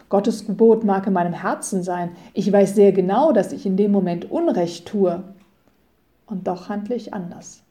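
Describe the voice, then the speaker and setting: A middle-aged woman giving a calm, measured sermon as a preacher, reading scripture solemnly. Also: mid-range voice. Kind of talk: scripted radio devotion.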